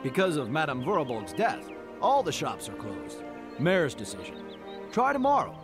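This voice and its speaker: Brief: a brusque male game baker, clipped, higher than usual, animated pitch. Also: normal speed, over music. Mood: curt. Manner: curt, clipped. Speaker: game character.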